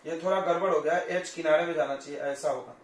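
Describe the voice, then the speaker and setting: A man's voice: a little high, steady tone, fast, distant mic. A male chemistry teacher giving a classroom lecture, explaining step by step and often checking that students follow. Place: coaching classroom. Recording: echoey classroom.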